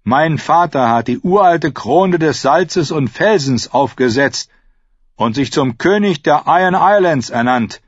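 Ein Mann liest einen arroganten jungen Lord, spöttisch und befehlend, in einer Hörbuchlesung. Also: male voice, fairly high pitch, lively intonation, measured pace, slightly rough, dry recording, muffled recording, pitched above the performer's own voice. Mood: scornful, commanding. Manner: mocking, commanding. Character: arrogant young male usurper lord. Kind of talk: audiobook reading.

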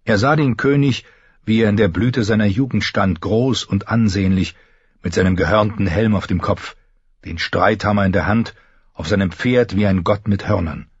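A man narrates a fantasy novel in a measured, somber manner. His voice sits low with a husky grain. The close-miked recording is dry and somewhat dull. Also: no room sound. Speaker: audiobook narrator.

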